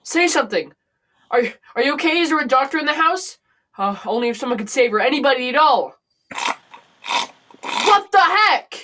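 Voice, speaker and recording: A woman's voice: high-pitched, quick pace, fairly bright tone. A woman playing a melodramatic, doting and rash king in a broad stage comedy. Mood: alarmed, imperious. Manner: exclamatory, theatrical.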